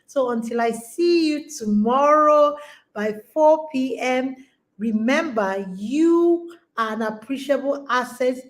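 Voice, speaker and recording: Slowly and in a high-pitched voice, a woman in her forties rallies her online audience. She hosts a conference and coaches women, and her motivational talk is emphatic and exhorting, returning again and again to rallying phrases.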